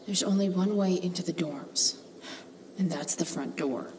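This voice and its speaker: A woman playing a sardonic, rebellious teenage girl thinking to herself in a video game, with a slow, dry, gravelly drawl. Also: lowish voice, a little mellow, lightly acted. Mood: dry, wry. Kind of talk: video game inner monologue. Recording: echoey, distant, faint noise.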